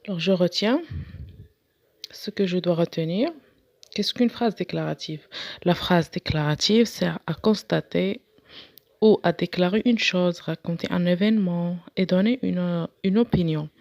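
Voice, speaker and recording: A woman's voice: on the low side, moderate pace, gravelly, darkish tone, no room sound. A woman teacher going through a French grammar lesson, reading out exercises and explaining them patiently step by step. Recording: dull lo-fi sound, dry.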